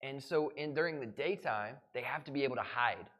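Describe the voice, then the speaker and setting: A man's voice: mid-range voice, a little fast, lo-fi sound. A man giving a playful live educational talk as a falconer, quizzing a family audience with questions in an indoor library room.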